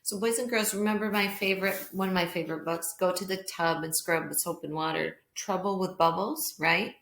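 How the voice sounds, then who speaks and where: Speaking briskly in a low-leaning, fairly bright voice, a woman acts as a kindergarten teacher talking simply to small children. It sounds like she is reading aloud to them in a read-along lesson, with roomy echo on the recording.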